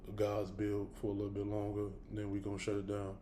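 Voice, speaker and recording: A man's voice: lowish voice, monotone, fast, warm tone, slight background noise. A man talking casually and bluntly to his listeners, cursing freely and thinking aloud, with the hiccups. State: has the hiccups. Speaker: host. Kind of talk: casual spoken reflection to camera.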